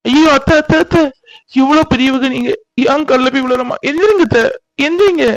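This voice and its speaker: Man acting young village man, high voice, earnest, emotional, cartoon. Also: brisk, no room sound, poor audio. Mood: distressed. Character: devoted young village man, torn and heartbroken.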